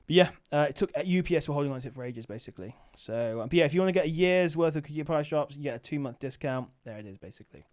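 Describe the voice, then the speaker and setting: Tired and sleepy, a man who sells on Amazon runs a late-night livestream, thinking aloud in casual chat full of fillers. His voice sits on the high side with a darkish tone, lively intonation, and a rapid-fire pace with few pauses.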